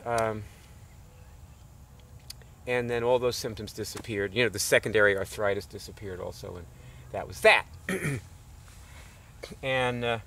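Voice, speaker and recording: Middle-aged male teacher, casual rambling storyteller, mid-pitched, lots of "you know" and chuckles. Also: a bit bright. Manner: rambling, chuckling, with many fillers and restarts. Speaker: nonprofit founder teaching alternative healing.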